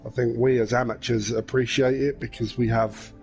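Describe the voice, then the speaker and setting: A man with an ordinary mid-pitched voice walks through his race in a casual chat. He pauses on fillers as he explains, with faint music in the background. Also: flat delivery, a little mellow. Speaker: sim racing league driver.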